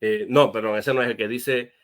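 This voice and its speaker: A pastor explaining a Bible question as an interview guest, earnest and step by step, with frequent fillers and restarts. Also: male voice, on the low side, steady tone, normal speed. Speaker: guest answering viewer questions.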